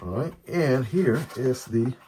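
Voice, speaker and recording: Filmed on a phone camera amid slight background noise, a Chinese-native man talks through a product unboxing, peppering his chat with "right?". His mid-range voice is dark and expressive, and he speaks slowly.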